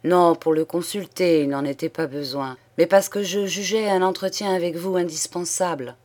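A woman's voice: fairly low pitch, a little mellow, lightly acted. A woman reading a dignified young viscount. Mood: earnest. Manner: clear, measured, composed. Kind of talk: audiobook character reading.

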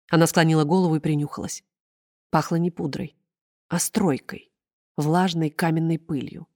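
A woman reading an audiobook in measured, ironic narration. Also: low-pitched, a little mellow, dry recording, clean studio sound. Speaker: audiobook reader. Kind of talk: scripted narration.

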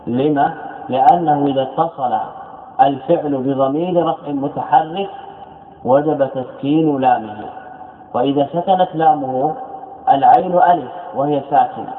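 A man's voice: medium pitch, normal speed. A man teaching a classroom lesson, explaining by repeating his points and asking himself questions. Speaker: teacher of Arabic morphology. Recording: echoey hall over a tinny phone-like line.

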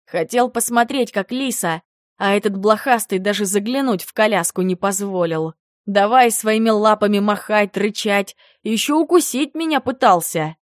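A man's voice: high voice, normal speed, no room sound, studio quality, close to an everyday voice. Woman voicing a grumbling werewolf husband. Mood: exasperated. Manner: gruff, exasperated complaining. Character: grumbling jealous werewolf husband, young man. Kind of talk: audiobook character reading.

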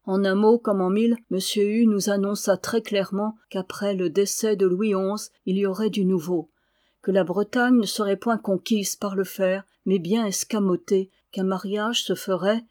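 A woman narrating a classic novel as an audiobook, in a calm, even manner. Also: medium pitch, moderate pace. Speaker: audiobook reader. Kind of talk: literary narration.

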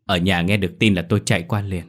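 A man voicing a sly sorcerer who talks quickly and glibly. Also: sits low, fairly even intonation. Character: sly middle-aged male sorcerer.

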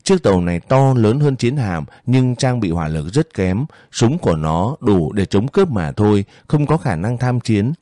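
Brief: male audiobook narrator, low mellow voice, measured pacing, dry close mic. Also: no room sound. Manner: steady, measured storytelling. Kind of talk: scripted narration of a war novel.

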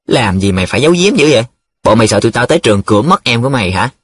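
A man voicing a cocky, teasing young male student who jokes in a sing-song way, with a husky voice. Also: medium pitch, lively intonation, fairly quick, a bit bright, no room sound, clean studio sound.

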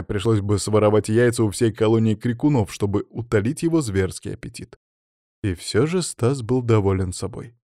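A man giving a measured scripted narration of an audiobook. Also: medium pitch, mellow, no room sound, clean studio sound. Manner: measured storytelling.

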